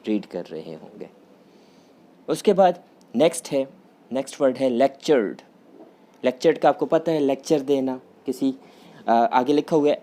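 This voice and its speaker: A man teaching a vocabulary lesson, going slowly and repeating each point as he rephrases it in Urdu and English. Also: mid-range voice, mellow. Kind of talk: classroom lesson explaining vocabulary.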